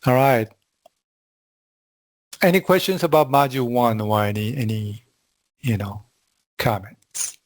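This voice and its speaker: A man teaching a class over a video call, walking through spreadsheet formulas in a slow, halting way with frequent fillers. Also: mid-range voice, dry recording. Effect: heard over a video call. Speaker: instructor. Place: video call from a quiet room. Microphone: computer mic on a video call.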